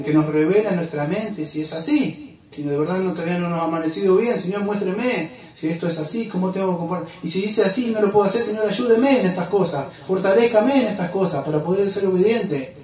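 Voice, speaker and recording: Man, pastor, fervent sermon, high pitch, echoey distant church recording. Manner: fervent preaching, rising to emphatic outbursts and dropping to quiet asides. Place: church hall. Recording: roomy church hall, mic at a distance.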